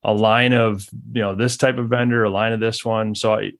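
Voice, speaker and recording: A man hosting a podcast interview, talking in an easygoing, halting way with frequent restarts. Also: fairly low pitch, little pitch movement. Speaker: podcast host. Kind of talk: casual interview chat.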